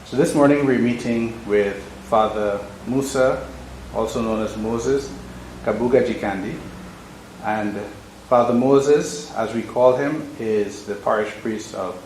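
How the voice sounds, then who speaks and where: Man, interviewer, friendly plain questions, lowish voice, echoey room. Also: darkish tone, a little hiss or hum. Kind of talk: parish interview. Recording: roomy echo with faint background ambience.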